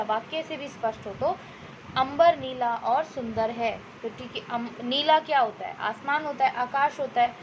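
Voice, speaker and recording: A woman with a high voice teaches a worksheet lesson to children, explaining each answer step by step. She checks in often and slows right down to dictate example sentences. The recording is slightly dull, with a faint hiss behind her. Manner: patient, explains step by step with many "ठीक है" checks.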